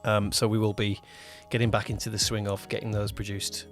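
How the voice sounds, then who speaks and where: Here a producer-director of audio dramas co-hosts a casual podcast about the making of his work, speaking a little fast in a lowish, level voice. His talk meanders and he keeps rewording sentences partway through. Soft music sits in the background.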